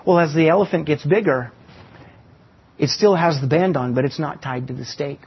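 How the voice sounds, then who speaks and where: A man preaching a sermon, teaching with stories and slowing down for emphasis. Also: a little high, husky. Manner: teaching with illustrations and slow emphatic pauses. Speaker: pastor. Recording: dull lo-fi sermon recording.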